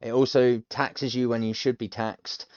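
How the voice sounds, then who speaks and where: Chatty and self-deprecating, this UK language-learner streamer in his thirties rambles casually while thinking aloud through a course. His mid-range voice barely shifts in pitch, with a measured pace and a slightly mellow, clear, resonant tone. The sound is lo-fi with no room sound.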